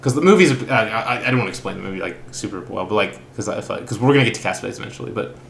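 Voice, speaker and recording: A man's voice: on the low side, expressive, rapid-fire, creaky, a bit bright, reverberant, a little hiss or hum. A man co-hosting a casual film podcast, rambling with many restarts and fillers. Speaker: podcast co-host.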